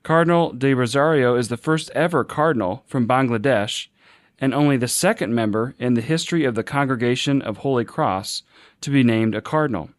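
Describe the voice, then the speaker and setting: A man's voice: medium pitch, a little fast, no room sound. A man hosting an interview podcast, introducing his guest politely and asking questions. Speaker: podcast host.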